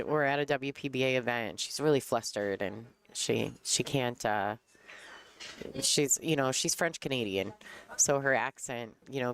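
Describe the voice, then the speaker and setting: A woman giving casual commentary on a pool match, chatty and quick to laugh as she tells stories. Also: very deep voice, clear, resonant tone. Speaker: color commentator. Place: pool hall commentary booth.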